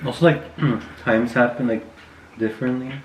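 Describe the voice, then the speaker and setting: A man's voice: mid-range voice, steady tone, normal speed. A young man chatting casually with friends, hesitant and loosely phrased, with lots of fillers. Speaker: participant in a group mukbang chat. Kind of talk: casual chat among friends. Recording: echoey room, clear background noise.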